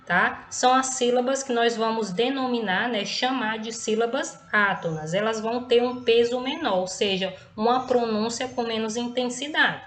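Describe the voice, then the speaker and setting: A woman from Brazil teaching a recorded online class, patiently repeating each point and checking in with the students, and stretching words out slowly to stress their syllables. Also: fairly high pitch, fairly bright tone, echoey room.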